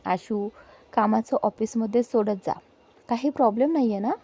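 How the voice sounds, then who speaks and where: A woman voicing a caring middle-aged father who asks questions gently, with a mellow tone. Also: a little high, normal speed, breathy edge. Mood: concerned.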